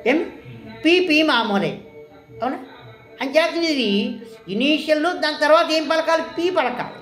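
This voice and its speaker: Female shorthand teacher with a high voice, quizzing in a classroom style; roomy echo, light music bed. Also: expressive, normal speed. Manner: quizzing, asks questions and answers them herself. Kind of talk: classroom lesson.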